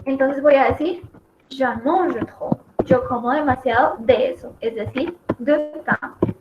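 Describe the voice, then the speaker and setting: A woman's voice: high voice, unhurried. A woman teaching a French lesson in Spanish, explaining each example step by step and repeating it. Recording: echoey room, dull lo-fi audio, noisy.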